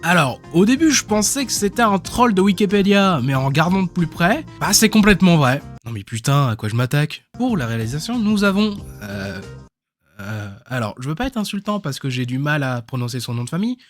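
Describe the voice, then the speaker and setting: A man's voice: fairly high pitch, very animated, brisk, soft background music. A man doing comedic commentary on a video, sarcastic, with joking asides. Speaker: YouTuber.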